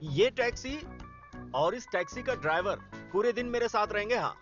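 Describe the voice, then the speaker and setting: A man's voice: high-pitched, expressive, moderate pace, a bit bright. A man dubbing a flamboyant, dramatic film character who is playfully pushy and throws in English exclamations. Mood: indignant. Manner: theatrical, mixes English exclamations. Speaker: taxi customer. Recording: muffled film dub with music.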